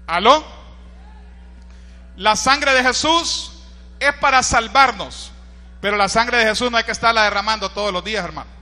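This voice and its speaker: A man with a Honduran accent preaching a sermon, animated, shouting out quoted cries and often turning to the listeners with rhetorical questions. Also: high voice, normal speed, pauses often, big-room sound. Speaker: pastor.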